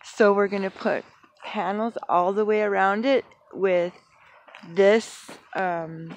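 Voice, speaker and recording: Slow-talking woman in her late forties. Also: mid-range voice, fairly even intonation, a little hiss or hum, low-quality recording. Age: late 40s. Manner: chatty and rambling, with frequent laughs and fillers. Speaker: vlogger touring her horse barn. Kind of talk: casual walk-and-talk vlog. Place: outdoors and in a barn on a farm. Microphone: phone held at arm's length.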